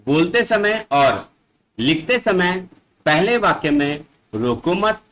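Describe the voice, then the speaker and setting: A male schoolteacher talks young children through a grammar lesson, unhurried and patient. His pitch sits a little high and swings widely as he stresses key words. He keeps checking that they follow and reads each definition twice. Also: lively intonation, fairly bright tone, rough recording. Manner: patient, addresses the children often and repeats definitions. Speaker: school teacher.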